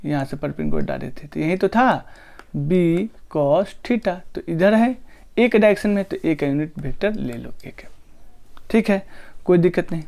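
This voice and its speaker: A physics teacher's voice, a little high and animated, carries a gravelly yet slightly mellow sound. He quizzes the class in a lecture, answering the rhetorical questions he asks and slowly drawing out terms as he dictates.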